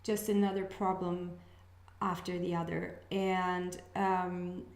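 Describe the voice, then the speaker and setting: Her voice on the low side, a woman born in Sweden and speaking with a Swedish accent gives a casual intuitive reading to camera as an astrology channel host. She's hesitant and reflective, pausing to sense messages, in a room with an echo.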